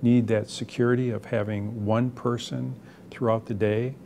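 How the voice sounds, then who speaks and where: A male elementary school educator giving a measured explanation in a documentary interview. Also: mid-range voice, little pitch movement, creaky, warm tone, slight background noise.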